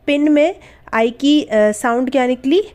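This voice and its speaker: A woman gives a slow, unhurried phonics lesson in a somewhat high voice. She spells out each example word and then answers her own questions about its sounds. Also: darkish tone. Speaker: English teacher.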